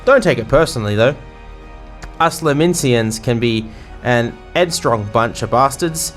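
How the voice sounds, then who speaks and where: A man's voice: medium pitch, lively intonation, a little slow, soft background music, lightly acted. A man voicing a boisterous, bawdy male sailor innkeeper in a put-on English pirate accent, full of salty slang. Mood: jovial. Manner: salty slang, rambling banter.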